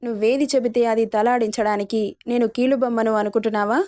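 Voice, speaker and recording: Defiant young woman student, read by a woman narrator; firm, even-toned, higher voice, dry. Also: brisk, no room sound, natural voice. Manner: firm, pleading.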